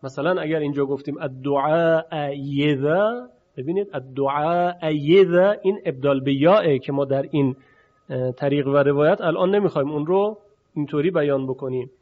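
A man teaching Quran recitation rules, explaining patiently and repeating sounds slowly to demonstrate them. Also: fairly high pitch. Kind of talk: explanatory lesson. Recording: dull lo-fi sound.

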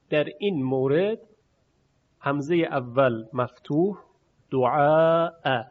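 A man leads a recitation lesson, explaining rules patiently and stretching out sounds to show them. His voice sits a little high. The recording is dull and lo-fi. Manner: patient, demonstrating sounds slowly and repeating them. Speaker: Quran recitation teacher.

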